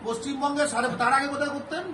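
A man fires pointed questions at a railway clerk in a high, strained voice. He sounds distant in an echoing hall full of a loud crowd. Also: steady tone, rapid-fire. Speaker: protester questioning staff. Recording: echoey hall, crowd, mic far.

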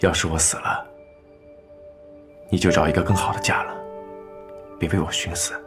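A young actor playing a calm, reserved young nobleman who speaks in a steady, measured way in a period TV drama. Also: deep voice, music in the background, close to an everyday voice. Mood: serious. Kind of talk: dubbed TV drama dialogue.

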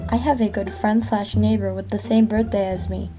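Casual female vlogger with average pitch, reading comments sarcastically over prominent music. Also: steady tone, normal speed. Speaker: video creator and host. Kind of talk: casual vlog, reading comments aloud and reacting.

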